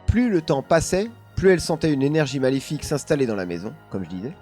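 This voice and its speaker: A man's voice: fairly high pitch, sing-song, fast, darkish tone, faint music behind. A man streaming live, casually telling a paranormal story while chatting with his viewers, laughing often and leaning on the same filler words.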